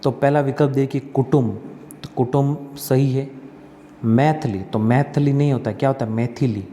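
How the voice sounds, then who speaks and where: A man teaching an exam-prep spelling lesson, asking and answering his own questions and repeating words slowly. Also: medium pitch, fairly even intonation, warm tone, big-room sound, slight background noise.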